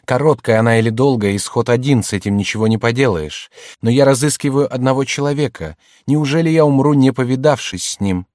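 A man's voice: mid-range voice, brisk, few pauses, darkish tone, no room sound, clean studio sound, voice pushed up, lightly acted. A man voicing a pleading middle-aged woman. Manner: pleading, emotional. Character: anxious middle-aged woman seeking her son.

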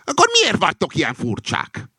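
A man voicing a suspicious, touchy male fox in a fable reading, with high agitated accusing outbursts. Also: huge pitch swings, sharp tone, husky, no room sound, studio quality, heavily acted. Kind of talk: acted reading of a satirical fable.

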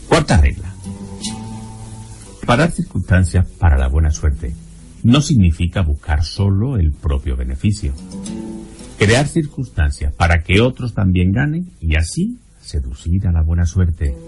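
A man giving a scripted, measured narration in a calm advising tone, with guitar music underneath. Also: deep voice.

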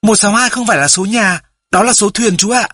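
Man doing a young boy, eager and excited, high voice, husky edge, audiobook. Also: brisk, dry recording, clean studio sound, exaggerated voice. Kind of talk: audiobook character voice.

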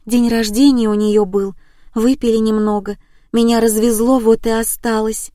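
A woman reading an audiobook, voicing a flustered, dazed young woman with high, breathless exclamations. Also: flat delivery, moderate pace, warm tone, no room sound, studio quality, natural voice.

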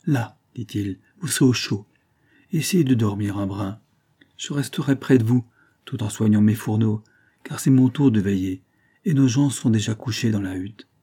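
Rustic young charcoal burner guy from an old storybook, brisk and reassuring, low husky voice, mellow tone, read out by a man. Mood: kindly. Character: hearty young male charcoal burner, kindly.

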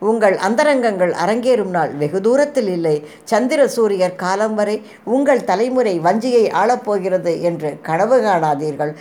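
A woman's voice: mid-range voice, dark tone, natural voice. A woman voicing the corpse of a slain male prince who taunts his betrayer with mocking, accusing questions in a storybook reading.

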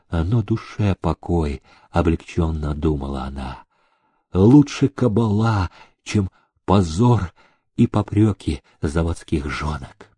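A man reads a historical novel aloud, slow and measured, with a low, dark voice. His intonation moves widely and expressively. The recording is dry and close, made at a studio mic. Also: breathy edge, dry recording. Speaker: audiobook narrator. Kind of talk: scripted narration of a historical novel.

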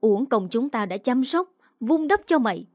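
A woman voicing a distraught middle-aged mother who pleads and shouts in a raised voice. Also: mid-range voice, brisk, no echo, clean studio sound, lightly acted. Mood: furious.

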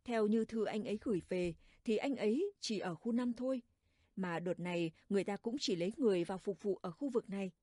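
A dutiful young village daughter speaks with earnest resolve, as a woman narrator reads her. The tone is mellow and husky, heard close and dry. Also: mid-range voice, a little fast, no room sound, lightly acted. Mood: pleading.

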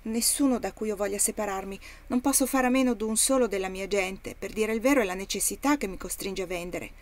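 A woman's voice: medium pitch, fairly quick, lightly acted. A woman voicing a reluctant male plantation owner in an audiobook reading, refusing firmly and curtly. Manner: firm, curt refusals.

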